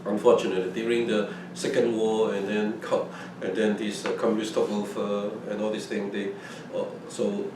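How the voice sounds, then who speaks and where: This older Hong Kong man, whose first language is Fujianese (Minnan), talks haltingly as an oral history interviewee, casually recalling the past with lots of restarts and repetition. His pitch is fairly low and barely varies. He's off mic in a very echoey room, and faint noise can be heard.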